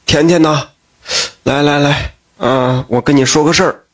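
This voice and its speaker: A man's voice: fairly high pitch, steady tone, normal speed, natural voice. A man voicing an old landlord father who coaxes and hesitates as he speaks. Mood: coaxing. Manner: coaxing, hesitant.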